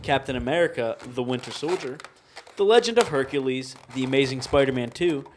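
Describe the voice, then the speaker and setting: A man's voice: medium pitch, a little fast, slight background noise. A young man hosting a student TV quiz game, reading out questions playfully and teasing the players with countdowns. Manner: reads questions aloud, laughs often, teasing countdowns. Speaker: quiz show host.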